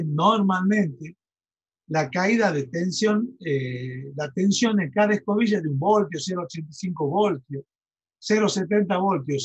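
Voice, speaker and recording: A university lecturer from Argentina gives an engineering lecture in a high, slightly rough voice, and the sound is lo-fi. He explains things step by step and frequently checks in with his students.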